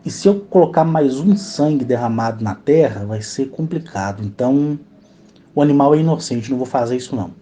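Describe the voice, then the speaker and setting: Earnest Brazilian man with a dark voice. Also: mid-range voice, expressive, faint music behind. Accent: Brazilian Portuguese. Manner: earnest, emotional, slow and solemn when quoting his own commands. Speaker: channel host recounting alien contact experiences. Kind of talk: storytelling in recorded voice messages. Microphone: phone voice message.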